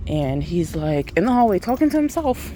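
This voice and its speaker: A woman's voice: lowish voice, moderate pace. American woman vlogging on a walk, outdoor noise. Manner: talking while out walking; animated retelling, acts out quoted speech. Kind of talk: casual storytelling to viewers.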